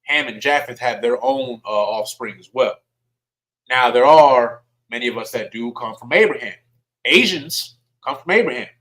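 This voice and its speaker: The man giving this sermon, a teacher at a religious service, reads scripture and questions his audience in informal, conversational speech peppered with "y'all." He speaks at medium pitch and a moderate pace, expressive and a bit bright, on a rough recording.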